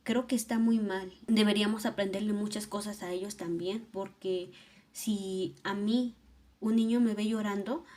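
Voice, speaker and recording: Young woman vlogging, mellow warm voice, earnest and thoughtful, musing out loud. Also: medium pitch, steady tone, moderate pace. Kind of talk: reflective personal vlog talk.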